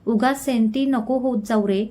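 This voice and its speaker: A woman's voice: fairly high pitch, fairly even intonation, measured pace, dark tone. A woman voicing a young male roommate who teases and reassures his friend. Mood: teasing. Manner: teasing, reassuring. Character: young man, teasing, wise roommate.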